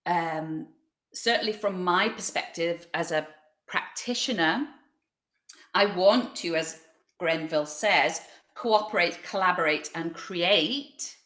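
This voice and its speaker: A woman giving unscripted remarks at an online conference, reflective and hesitant, pausing mid-phrase. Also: fairly low pitch, fairly bright tone. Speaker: freelance singing practitioner, panel speaker. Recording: roomy, echoing online audio.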